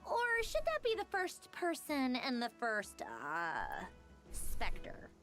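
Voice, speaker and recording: A woman's voice: on the high side, huge pitch swings, slow pace, music in the background, heavily acted. A woman voicing a haughty, impatient young female inventor with a smug, exasperated drawl in an anime video game.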